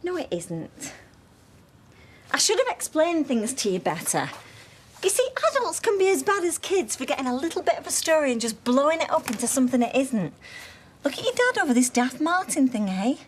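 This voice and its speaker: A mother, speaking in a stern, insistent way. Her voice is high and very animated. A faint hiss lies behind her. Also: brisk. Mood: conciliatory. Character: stern defensive mother lecturing her daughter.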